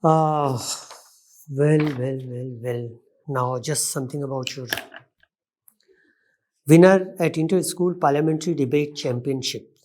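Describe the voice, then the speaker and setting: A man with an Indian accent and a slightly high voice questions a candidate in a formal interview. He speaks haltingly, repeating words and reworking each question as he goes. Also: a little mellow. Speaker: interview panelist.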